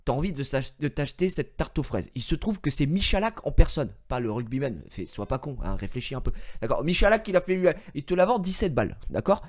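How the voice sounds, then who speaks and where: Lively animated man chatting to viewers. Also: on the high side, a little fast, few pauses. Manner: animated storytelling, swears freely, mocks others in raised voice. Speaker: streamer. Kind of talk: casual chat to viewers. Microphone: gaming headset.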